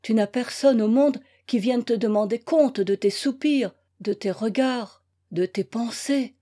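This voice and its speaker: A woman reading a novel aloud and voicing a young gentleman torn by remorse over a lost love, curt at first and then desperate. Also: a little high, unhurried, husky. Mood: remorseful. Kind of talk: read-aloud novel, acted dialogue.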